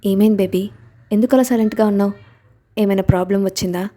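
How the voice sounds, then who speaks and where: A woman reading an audiobook aloud and voicing a protective, commanding young husband a little lower than her narration, with no big change of voice. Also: steady tone, quick pace, dark tone, close to an everyday voice. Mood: tender.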